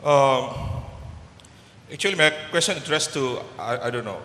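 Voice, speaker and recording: A man's voice: mid-range voice, lively intonation, moderate pace, sharp tone, slight background noise. A man asking a panel a question at a conference, hesitating and searching for words. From Indonesia. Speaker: audience member asking a question. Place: large conference hall. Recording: echoey conference hall with long reverb.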